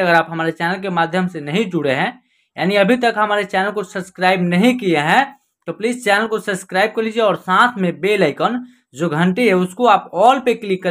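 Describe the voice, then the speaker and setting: A man hosting an online reading lesson, spelling words out slowly sound by sound and often checking that the viewer is following. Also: high voice, fairly bright tone. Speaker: online Hindi teacher and channel host. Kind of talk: slow classroom lesson, spelling out words syllable by syllable.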